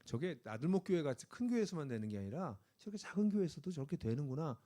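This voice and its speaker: A middle-aged man preaching a sermon as pastor, telling stories with lively energy and building to emphatic exhortation. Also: fairly high pitch, fast talker. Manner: animated storytelling, rising to emphatic exhortation. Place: church sanctuary.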